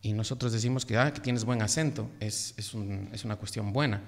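Teacher guy on radio, kinda gravelly, slow professorial explaining, echo trailing off. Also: lowish voice. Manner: measured, professorial, many hesitations. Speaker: language teacher, guest. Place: radio studio. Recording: gravelly voice with long reverb.

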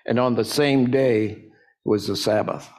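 A man preaching in an easygoing, chatty sermon style. His voice sits in a middling pitch, and he breaks into sudden high-pitched jumps when he acts out the lines of the people in his stories. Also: steady tone, measured pace, darkish tone. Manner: frequent restarts and folksy asides. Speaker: pastor.

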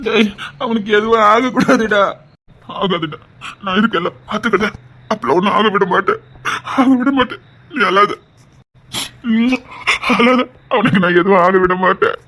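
A man's voice: high-pitched, moderate pace, pauses often, sharp tone, exaggerated voice. A man with a Tirunelveli Tamil accent playing a distraught relative who pleads and vows to protect his sick kin. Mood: soothing. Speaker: actor in a family drama. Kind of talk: weepy family drama acting.

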